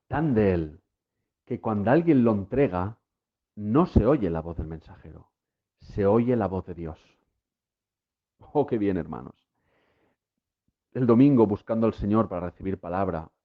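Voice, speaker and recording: A man preaching a sermon to listeners at home, emphatic, with repeated refrains that build to impassioned peaks. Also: lowish voice. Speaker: lay preacher. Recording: tinny phone-like sound.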